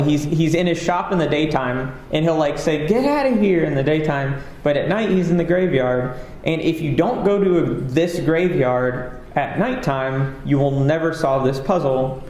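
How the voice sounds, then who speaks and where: On a conference stage, a game developer gives a casual, rambling talk, self-deprecating and heavy on fillers. His voice is on the high side with a darkish tone, and the echoey hall carries faint ambience and slight background noise.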